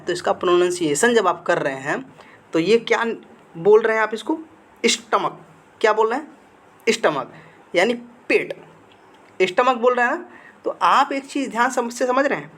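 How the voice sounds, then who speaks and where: Teaching grammar from slides, this man speaks in a voice that sits high with a fairly bright tone. Again and again he asks his class something, then supplies the answer, hammering home the key words.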